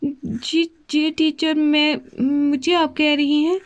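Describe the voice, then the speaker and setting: A woman's voice: sits high, little pitch movement, takes it slowly, muffled recording. A woman voicing a timid little girl doll who is scared of tests, talking in an anxious, stammering way in a doll play story. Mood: nervous.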